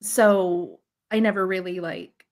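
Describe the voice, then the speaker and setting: A woman host asking a guest questions in a relaxed, hesitant way, with plenty of fillers. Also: fairly low pitch, takes it slowly. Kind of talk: casual interview chat.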